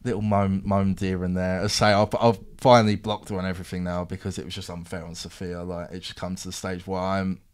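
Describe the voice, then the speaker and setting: A man's voice: low-pitched, level tone, quick pace, hardly any pauses, clean tone. A British man in his twenties chatting casually in an insistent, slangy way into a close studio mic. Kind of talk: casual chat. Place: small podcast studio. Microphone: close desk microphone.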